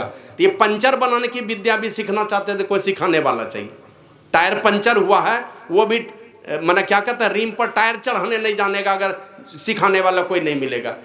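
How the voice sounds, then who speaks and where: With a pushed, bright voice in a reverberant setting, an older spiritual teacher gives a devotional discourse that swings from elevated exhortation to slow, subdued asides.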